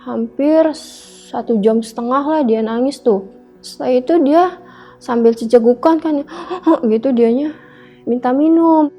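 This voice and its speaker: A woman's voice: sits high, normal speed, pauses often. A woman telling a personal story in an interview, acting out the dialogue as she goes. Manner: re-enacts dialogue, filling speech with "gitu". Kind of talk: emotional first-person storytelling. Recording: dull lo-fi sound with faint background music.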